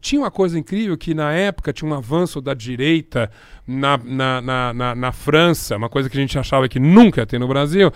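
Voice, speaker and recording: A middle-aged Brazilian man, a journalist, telling anecdotes in conversation, animated and laughing often as he acts out the voices he quotes. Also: mid-range voice, fairly quick, clean tone, no echo, studio quality.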